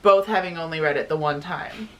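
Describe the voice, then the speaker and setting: Enthusiastic woman in casual book chat. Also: low voice. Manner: enthusiastic, informal, halting and repeating herself. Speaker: co-host of a book review show.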